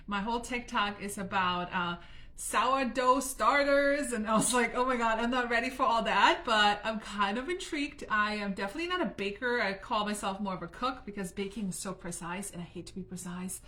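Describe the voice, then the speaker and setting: Brisk and forceful, with a bright tone at medium pitch, a woman from Germany livestreams herself baking at home. She talks straight to her viewers in casual kitchen chat, laughing frequently.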